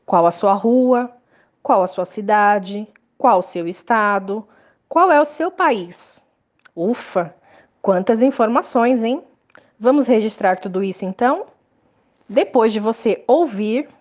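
A woman teacher, speaking slowly and patiently to young children in a lesson podcast. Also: medium pitch, darkish tone. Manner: slow, patient, sing-song explaining to young children.

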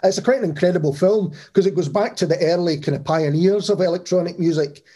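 A man's voice: high-pitched, quick pace, warm tone, husky. A man hosting a podcast, interviewing a guest in a friendly, enthusiastic way. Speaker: podcast host.

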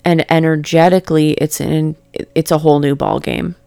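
A woman giving a reflective spiritual talk in a calm, near monotone voice, halting and searching for words with many fillers. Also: low voice, creaky, clean tone, no room sound. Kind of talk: reflective spoken meditation talk.

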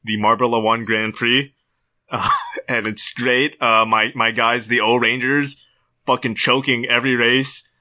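A man's voice: mid-range voice, little pitch movement, measured pace, bright, forceful tone. A young man co-hosting a podcast, chatting casually and chuckling often. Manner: laid-back, chuckles often. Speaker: podcast co-host. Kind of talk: casual chat.

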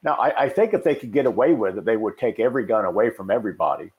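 A man's voice: fairly low pitch, expressive, very fast, narrow, tinny audio. A man speaking as a police captain on a talk panel, blunt and scornful in his opinions.

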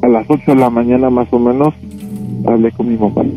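A man's voice: mid-range voice, fairly even intonation, brisk, dull audio, over music. A man with a Mexican accent calling in to tell a true ghost story in colloquial, casual speech, quoting dialogue and repeating words.

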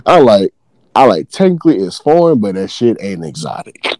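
A man from Texas, telling a work story in loose, profane, animated casual chat. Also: on the low side, moderate pace, dry recording.

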